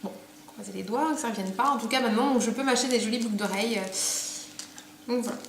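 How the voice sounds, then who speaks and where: A young beauty vlogger chats casually at home about her purchases in a haul video, full of fillers and restarts. Her voice is a little high and a little fast, recorded in an echoey room with faint background noise.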